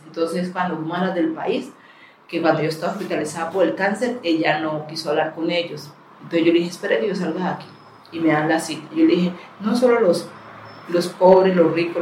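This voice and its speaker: A middle-aged woman from Cali, Colombia, with a Cali accent, telling her story as a community leader, frank and lively, acting out the dialogue she quotes. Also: on the low side, a little hiss or hum. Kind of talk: storytelling talk. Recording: echoey room, mic at a distance.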